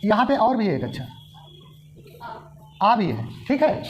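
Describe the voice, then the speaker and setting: A woman's voice: mid-range voice, big pitch swings, unhurried, a little mellow, lo-fi sound, slight background noise. A woman teaching a lesson, who keeps asking the class questions and then answering them herself. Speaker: Hindi teacher. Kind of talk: explaining at a whiteboard.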